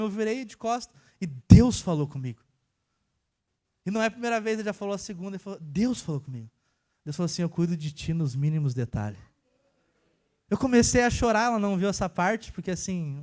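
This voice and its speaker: Man, young adult, high voice, informal sermon testimony, hushed then emphatic. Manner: informal, storytelling, swings between hushed and emphatic. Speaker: church worker preaching.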